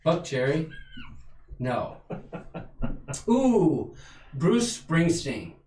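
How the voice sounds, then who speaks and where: Playful high-voiced man singing bits. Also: very animated, very slow, darkish tone. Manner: playful, breaks into song, stammers when searching. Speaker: co-host. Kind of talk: goofy livestream chat with singing impressions. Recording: roomy livestream audio from a distance.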